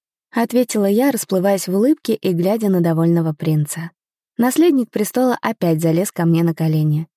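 Mellow woman reading an audiobook. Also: fairly low pitch, no room sound, clean studio sound. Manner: calm, measured reading. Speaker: audiobook narrator. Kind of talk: scripted audiobook narration.

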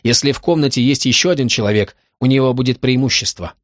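A man reading a crime novel aloud in a steady, even storytelling manner. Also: medium pitch, fast, no echo, studio quality. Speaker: audiobook narrator. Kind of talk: scripted narration.

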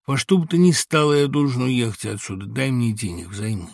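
A trembling young man who begs and bargains urgently, as a man voices him in an audiobook. The voice is gravelly and close, in a dry recording with no room sound. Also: mid-range voice, fairly quick, no room sound. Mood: pleading. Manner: urgent, pleading. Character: desperate young man, trembling, begging a friend. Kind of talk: audiobook reading.

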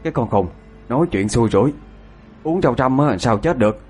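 A man's voice: medium pitch, animated, moderate pace, darkish tone, husky, faint music behind. A man voicing a harsh older mother-in-law who scolds with contempt. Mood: scornful.

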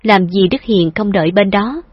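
A woman reading an audiobook novel in a calm, even narration. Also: medium pitch, moderate pace, breathy edge, no room sound. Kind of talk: storybook narration. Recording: dull lo-fi dry recording.

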